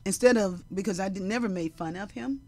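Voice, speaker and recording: A middle-aged woman singer and songwriter, a guest in a studio interview, telling stories in a lively way, laughing often and breaking into song. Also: mid-range voice, a little fast. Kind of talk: casual interview chat with storytelling. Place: radio studio.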